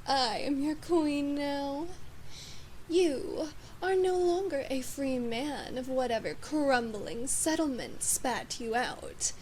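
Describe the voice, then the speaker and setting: Playing a haughty demon queen addressing her human knight, a woman speaks slowly in a high, slightly mellow voice, with a mood of cold command. The scripted ASMR monologue is imperious and condescending, measured, and drifts into breathy whispers. The recording is rough, with a faint hiss or hum.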